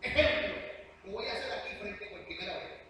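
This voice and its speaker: A male pastor delivers a sermon in an earnest, emphatic way, swinging between quiet passages and raised ones. His voice is notably high. The recording is distant and roomy, with a long church reverb and a steady hum beneath it. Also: fairly quick. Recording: echoey church hall, distant mic, hum.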